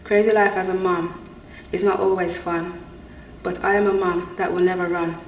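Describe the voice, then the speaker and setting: A woman's voice: lowish voice, little pitch movement, normal speed. Middle-aged woman reciting a poem. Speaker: interview guest. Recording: echoey room, distant mic, faint noise.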